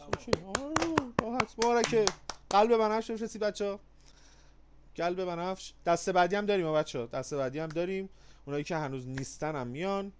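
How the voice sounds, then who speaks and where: A man hosting a livestream giveaway in casual, joking chat. He swings between loud, drawn-out shouts and low, quick mutters. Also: slight background noise.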